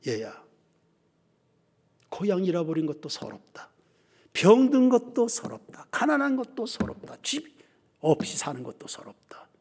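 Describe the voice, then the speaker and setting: A male pastor voicing an ailing elderly mother in a sermon story, speaking in a hushed, half-whispered way. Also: sits high, big pitch swings, unhurried, long pauses, slightly rough, heavily acted. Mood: tender pleading. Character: poor, ailing elderly mother, gently pleading.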